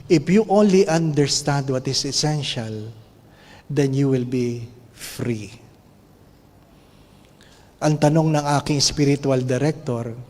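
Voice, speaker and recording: Animated, lively Filipino priest preaching. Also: male voice, on the high side, big-room sound. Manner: animated, playful preaching with rhetorical questions. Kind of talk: sermon.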